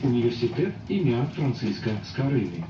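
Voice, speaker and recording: A man giving formal, measured stop announcements played over a bus PA loudspeaker. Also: medium pitch, dull audio. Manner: measured, formal, even delivery. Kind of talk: prerecorded transit announcement. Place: inside a moving city bus. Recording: echoey, distant, noisy bus interior.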